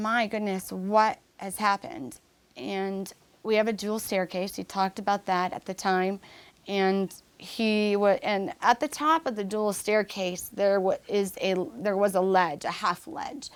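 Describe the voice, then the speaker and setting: Woman, podcast guest, personal story, earnest, measured, halting, restarts, fillers, middle pitch. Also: fairly even intonation, smooth. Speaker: interview guest.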